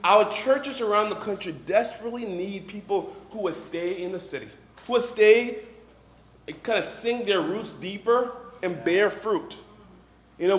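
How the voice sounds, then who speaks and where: This is a high-pitched man in his twenties or thirties, originally from Liberia and in Boston since age thirteen, giving a casual sermon as a campus minister. His tone is chatty and full of jokes, with frequent "you know" and "right," before a live congregation. It's an echoey, large room with some ambient sound and faint background noise.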